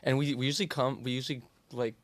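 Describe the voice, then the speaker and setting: A young man from the United States, a group member, answering in a halting, sincere way. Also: mid-range voice, little pitch movement, no room sound.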